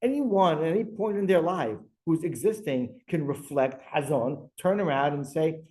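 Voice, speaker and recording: A man's voice: on the high side, lively intonation, normal speed, dark tone, poor audio. A man, a rabbi, giving a Torah class lecture. He speaks emphatically, asks rhetorical questions and weaves Hebrew verses into his English explanation.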